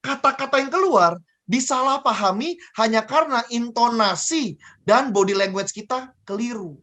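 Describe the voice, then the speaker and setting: A man's voice: very high voice, moderate pace, pushed and bright. Man coaching with rhetorical questions. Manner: asks and answers his own rhetorical questions; repeats key phrases for emphasis. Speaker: guest speaker on communication. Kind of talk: lively coaching talk.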